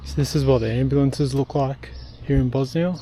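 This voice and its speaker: A man's voice: medium pitch, steady tone, moderate pace, dark tone, a little hiss or hum. Breathless man vlogging on a hike. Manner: rambling, many ums and uhs. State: out of breath from hiking uphill. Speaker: travel vlogger. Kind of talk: casual walking vlog narration. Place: outdoors on a hillside trail. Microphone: handheld camera.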